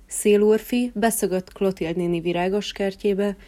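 Warm-voiced woman reading a fairy tale. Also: medium pitch, fairly even intonation. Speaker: storyteller. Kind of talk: storybook reading.

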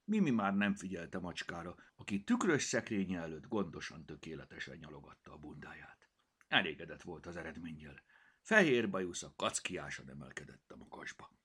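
A man reading a children's storybook aloud as narrator, with an expressive, sing-song delivery. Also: low-pitched, husky. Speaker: audiobook narrator.

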